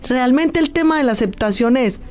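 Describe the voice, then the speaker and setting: Earnest high-voiced woman guest. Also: expressive, a little fast, a little mellow, soft background music. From Colombia. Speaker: guest, clinical hypnosis expert. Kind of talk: explanatory interview talk. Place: studio booth.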